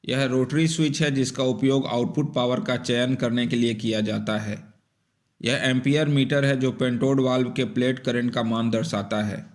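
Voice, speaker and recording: This technical repair tutorial is voiced by a man working from a prepared script at a moderate pace. He goes through every part step by step in a methodical way, his medium-pitched voice keeping a fairly even intonation.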